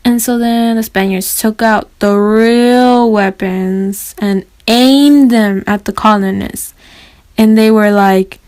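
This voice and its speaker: A woman's voice: medium pitch, slow pace, a little mellow. Sarcastic, playful woman narrator. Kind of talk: jokey homemade story narration.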